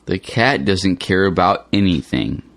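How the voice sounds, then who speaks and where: Low-voiced man reading slowly. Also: animated, creaky, fairly bright tone, dry recording. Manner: plain, careful delivery. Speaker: dialogue reader for English learners. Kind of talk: slow scripted dialogue reading.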